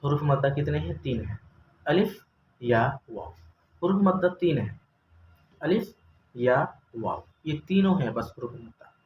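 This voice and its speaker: A man's voice: fairly high pitch, animated, a little slow, long pauses, dull audio. A man teaching a step-by-step recorded lesson, patiently asking questions and answering them himself. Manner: patient, asks questions then answers them, drawls example sounds. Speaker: Quran reading teacher. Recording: roomy echo, faint ambient noise.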